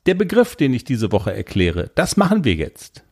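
Animated rambling man on a podcast. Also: mid-range voice, moderate pace, breathy edge. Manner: rambling, free-associating, animated. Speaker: podcast co-host. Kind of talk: casual chat.

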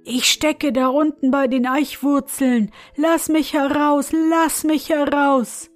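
A woman voicing a huge, proud male spirit from a bottle, who talks in a loud, haughty way. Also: steady tone, takes it slowly, soft background music. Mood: pleading. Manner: booming and haughty, later pleading.

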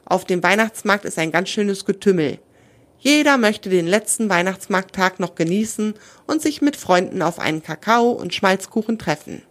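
A woman reading a children's story aloud in a calm manner, sometimes pausing to explain things to young listeners. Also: medium pitch.

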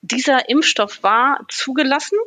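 Eine Frau, Umweltmedizinerin, die im Interview sachlich und mit vielen Füllwörtern medizinische Zusammenhänge erklärt. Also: female voice, high voice, bright, forceful tone, no room sound. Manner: measured, explanatory, many filler sounds. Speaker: environmental physician. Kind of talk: explaining in an interview.

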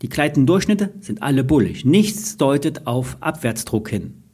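A man's voice: medium pitch, big pitch swings, normal speed, darkish tone, husky. A man presenting scripted market commentary as host of a financial podcast.

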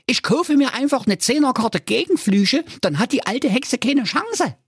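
A high, squeaky, dim young nobleman proclaims his brilliant ideas with eager excitement in a comic storybook tale. Dry, close recording. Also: normal speed, slightly rough, no room sound, exaggerated voice. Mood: excited.

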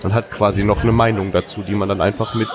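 Fast-talking low-voiced man amid crowd noise. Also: level tone, over music. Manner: loose questions with fillers. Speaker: podcast host, interviewer. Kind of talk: casual interview. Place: busy hacker congress hall. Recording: crowd noise of a busy venue. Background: crowd chatter.

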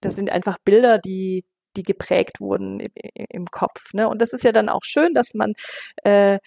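As an interview guest, a western German local politician in her fifties speaks in a thoughtful, conversational way, feeling for her wording. Her mid-range voice has fairly even intonation, a moderate pace, vocal fry and a darkish tone, recorded without echo.

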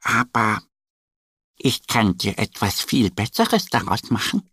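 A man voicing a cheerful, helpful little female duck with a high, eager, chirpy voice. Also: big pitch swings, takes it slowly, fairly bright tone, slightly rough, no echo, studio quality, exaggerated voice.

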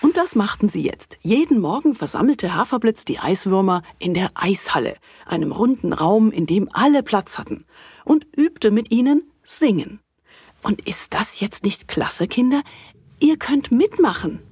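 A woman with a husky voice narrating a children's story and speaking to the children. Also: mid-range voice, big pitch swings, normal speed, darkish tone, no room sound, clean studio sound.

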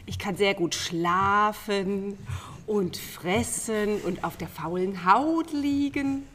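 A woman voicing a small, lazy female cat, easygoing and relaxed. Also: medium pitch, slow pace, a little hiss or hum. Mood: content.

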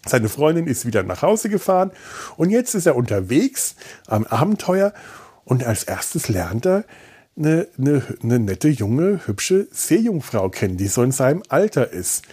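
Sitting indoors on a sofa, a man hosts a podcast as a casual, rambling solo monologue, hesitant and thinking aloud with wry self-deprecation. His mid-range voice is warm with a breathy edge, swings widely in pitch, and moves a little slowly.

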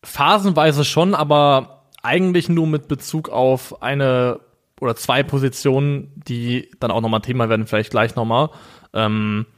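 Ruhig analysierender Mann, mittlere Stimmlage. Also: male voice, medium pitch. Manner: measured, analytical. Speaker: podcast co-host. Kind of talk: casual football analysis.

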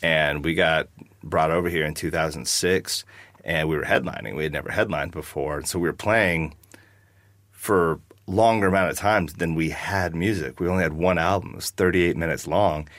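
A man's voice: low voice, moderate pace, a bit bright, no room sound, studio quality. A man from the United States, chatting about his band in a rambling, jokey interview. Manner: rambling, jokey, lots of fillers. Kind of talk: casual interview chat.

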